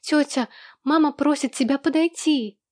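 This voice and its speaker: A woman doing a high, urgent young daughter. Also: steady tone, moderate pace, darkish tone, dry recording, studio quality, natural voice. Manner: calling out urgently.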